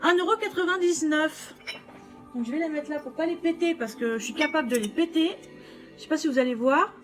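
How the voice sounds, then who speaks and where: A woman's voice: sits high, brisk, faint music behind. A woman chatting casually to camera about her shopping haul, full of fillers and restarts. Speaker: vlogger showing shopping haul. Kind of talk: casual chat.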